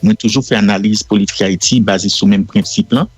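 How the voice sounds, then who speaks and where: A middle-aged Haitian man speaking French with a Haitian accent, explaining himself as a radio guest in a measured way full of fillers. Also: on the low side, fairly even intonation, breathy edge, no room sound. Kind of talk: casual radio interview. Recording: faint music in the background.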